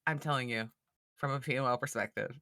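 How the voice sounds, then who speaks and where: A woman hosting a casual book-discussion podcast who talks in an animated way and laughs often. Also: a bass voice, fast, no room sound, clean studio sound. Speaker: podcast host.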